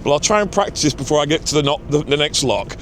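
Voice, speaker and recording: A man's voice: on the high side, expressive, fast talker, a bit bright, a little hiss or hum. A man vlogging outdoors beside a canal lock, chatting loosely and laughing at himself as he walks and films on a handheld camera. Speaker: ship-watching vlogger. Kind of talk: casual on-location commentary.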